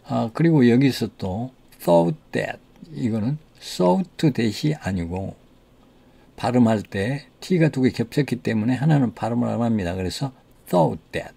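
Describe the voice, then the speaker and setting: Slow gravelly Korean man teaching English. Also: medium pitch, animated, mellow. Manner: explains in Korean, reads English sentences slowly with stress. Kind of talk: language lesson explaining English pronunciation.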